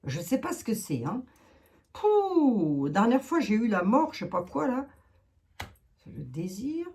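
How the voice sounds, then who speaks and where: A woman's voice: fairly high pitch, sing-song, unhurried, a little mellow. A woman giving a casual tarot reading to her viewers, thinking aloud with many fillers and asides. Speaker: tarot reader.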